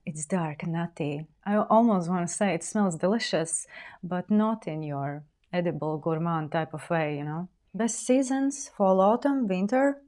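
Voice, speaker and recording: Woman host, raspy from a cold, lowish pitch, soft unhurried perfume review delivery.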